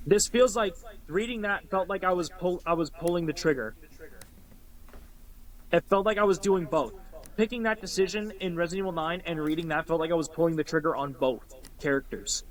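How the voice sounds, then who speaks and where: A man co-hosting a casual podcast chat, talking in an animated, emphatic way and swearing freely. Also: fairly high pitch, fairly quick, poor audio. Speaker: podcast co-host.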